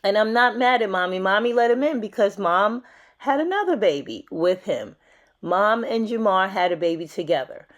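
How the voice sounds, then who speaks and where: A woman's voice: mid-range voice, animated, moderate pace. A woman hosting a true crime commentary channel, talking casually and chattily with fillers.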